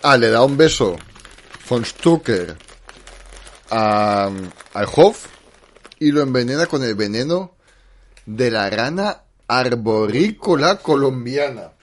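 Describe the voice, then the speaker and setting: A man talks through a film with friends in an easy, mid-pitched voice. He reads from his notes and drops dry asides. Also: expressive, slow pace, long pauses. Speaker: podcast co-host. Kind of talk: casual chat about a film.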